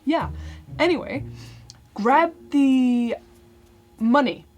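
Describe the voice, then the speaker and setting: Woman doing a gruff pirate brute. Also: sits high, lively intonation, drawn-out words, darkish tone, pitched above the performer's own voice, full character voice. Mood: commanding. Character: gruff, reckless male pirate, big and bold. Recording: music playing underneath.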